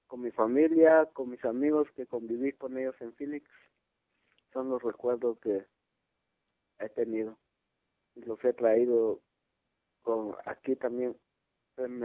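Young man from guatemala, halting answers, dry tinny phone sound. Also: medium pitch, no echo. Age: 20s. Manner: hesitant, searching for words. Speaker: interviewee. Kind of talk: casual phone interview.

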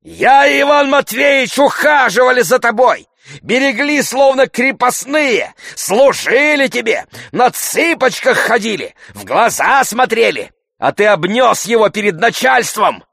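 A bellowing bully, sponger, shrill shouting, drawn-out abuse, gravelly. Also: male voice, very animated, no room sound, studio quality, heavily acted. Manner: shouting, abusive, blustering. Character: brawling middle-aged male sponger, bullying and loud.

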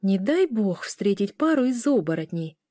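A woman voicing a cheeky, quick-tempered teenage girl who snaps back with indignant, high retorts. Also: sing-song, warm tone, no echo, studio quality, natural voice.

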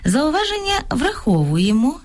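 A woman presenting a language program on radio, reading a script clearly and instructively, listing correct and incorrect phrases. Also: high voice, wildly swooping pitch, a little slow. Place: radio studio.

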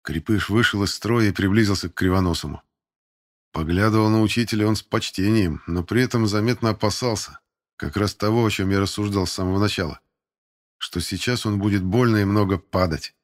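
Low-voiced man narrating an audiobook. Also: a little fast. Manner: wry, conversational storytelling. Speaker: audiobook reader. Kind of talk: first-person scripted narration.

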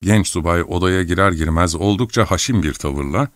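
A man from Turkey reading an audiobook in a calm, wistful manner. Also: low-pitched, moderate pace, no echo, studio quality. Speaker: audiobook narrator. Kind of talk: audiobook narration.

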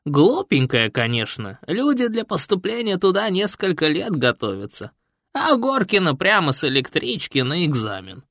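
A man voicing a grumpy, shrewd old village man with a creaky, gruff voice in an audiobook. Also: sits high, wildly swooping pitch, normal speed, fairly bright tone, no echo, studio quality, pitched above the performer's own voice, exaggerated voice. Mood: storytelling. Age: older. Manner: folksy, blunt storytelling. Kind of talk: audiobook character voice.

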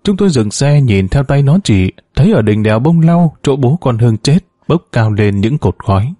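A man narrating a story in a measured, expressive way. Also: medium pitch, no echo, clean studio sound.

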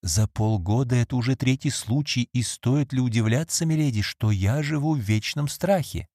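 A man's voice: medium pitch, moderate pace, mellow, no room sound, clean studio sound, voice pushed up, lightly acted. A man reading an audiobook and voicing a timid former maid, now an innkeeper's wife, who whimpers and pleads in a raised, woman-like voice. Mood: anxious.

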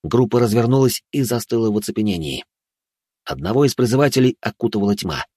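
Male audiobook narrator, low husky voice, hushed ominous storytelling, dry close sound. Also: fast talker, no echo.

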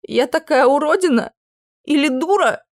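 A woman's voice: mid-range voice, animated, a little slow, no room sound. Hot-tempered young princess, woman reader, raised tearful voice, dry close sound. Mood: furious, sobbing. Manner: shouting through tears.

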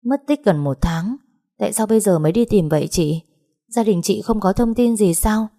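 A woman voicing a curious, concerned young woman teacher who asks her questions softly. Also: medium pitch, lively intonation, normal speed, voice pushed up.

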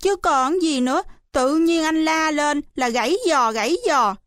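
A woman reading an audiobook, voicing a timid little girl who pleads in a high, whiny voice. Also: measured pace, no echo, studio quality.

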